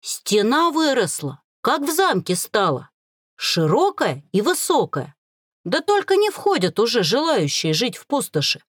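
A woman's voice: a little high, wildly swooping pitch, measured pace, no echo, studio quality, full character voice. A woman voicing an eager, talkative teenage boy in an audiobook.

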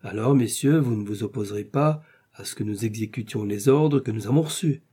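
A man voicing a bold young swordsman who gives orders in a raised, forceful voice. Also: lowish voice, a little fast, breathy edge. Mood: commanding.

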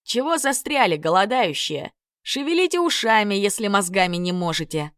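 A woman's voice: lowish voice, normal speed, no room sound, studio quality, close to an everyday voice. A woman voicing a brash young male hero who teases and boasts in an audiobook story. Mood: cocky. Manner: teasing, boastful.

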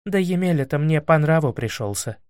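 A man voicing a shrewd grown princess in an audiobook, calm, commanding and lecturing. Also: on the high side, brisk, smooth, no room sound, clean studio sound, close to an everyday voice. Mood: stern. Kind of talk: audiobook character voice.

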